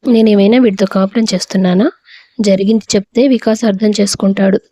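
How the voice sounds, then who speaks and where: A woman voicing a spirited, stubborn young bride in a storybook reading, sharp-tongued and earnest. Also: medium pitch, steady tone, fast, no echo, lightly acted.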